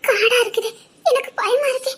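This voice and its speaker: A woman's voice: very high voice, brisk, pushed and bright. A woman voicing a frightened, childlike young woman with a Tirunelveli Tamil accent, tearful and stammering. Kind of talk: audio drama acting.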